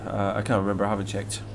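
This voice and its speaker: With background noise behind him, a young man from Scotland streams flight sims in a gravelly voice on the low side. His Scottish accent has a slight English blend, and he reads viewer questions aloud in a rambling, casual way, full of fillers and restarts.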